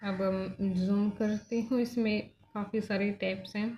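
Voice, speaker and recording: Heard through lo-fi sound, she speaks unhurriedly at a medium pitch with a level tone. Her phonology lesson for exam prep switches between Hindi and Indian-accented English, proceeding step by step while she checks that her students understand.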